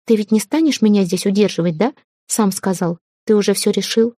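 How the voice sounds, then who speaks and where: A woman reading the part of a gentle young woman in love, speaking softly and pleading near tears. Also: mid-range voice, fairly quick, dry recording, studio quality, lightly acted.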